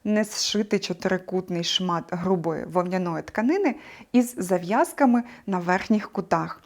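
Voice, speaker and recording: Expressive woman teacher explaining a lesson. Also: lowish voice, normal speed. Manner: clear, expressive explaining with rhetorical questions. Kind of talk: scripted video lesson.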